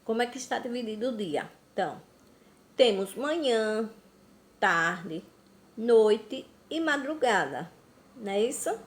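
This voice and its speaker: A Brazilian woman teaching a recorded class to young children, slow and patient, drawing out words. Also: a little high, expressive. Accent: Brazilian Portuguese. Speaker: primary school teacher. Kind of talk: recorded remote class lesson.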